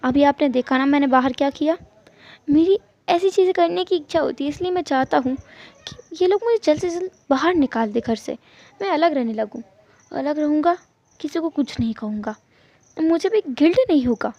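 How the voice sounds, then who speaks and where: A woman reading a storybook puts on a panicked young man who is terrified of the dark, pleading and stammering through his lines. The voice sits high and crackles with a gravelly edge. The recording sounds muffled and lo-fi. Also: animated, a little fast, no room sound. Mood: tearful. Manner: pleading, stammering, repeats words. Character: frightened, clingy young man, scared of the dark.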